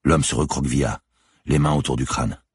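Audiobook narrator: man, very deep and raspy, measured suspense reading, dry close sound. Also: fairly even intonation, no room sound. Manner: measured, suspenseful, deliberate phrasing. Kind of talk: scripted narration.

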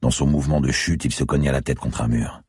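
A man reading a first-person thriller audiobook in a grim, measured way. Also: extremely low pitch, steady tone, darkish tone, slightly rough, dry recording, clean studio sound. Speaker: audiobook narrator. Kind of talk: scripted thriller narration.

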